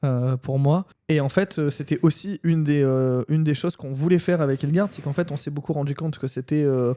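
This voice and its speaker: A man from southern France talks in a mellow, slightly high voice. He is a podcast co-host in casual conversation, hesitating often and circling back over his words. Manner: hesitant, halting, repeating himself. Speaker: podcast co-host and agency co-founder.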